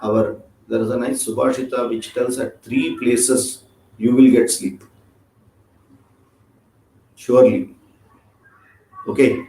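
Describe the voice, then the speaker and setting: A man's voice: mid-range voice, flat delivery, takes it slowly, long pauses, dark tone. A man with an Indian accent teaching an informal scripture class, chatty and joking, often checking in with his listeners. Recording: roomy echo.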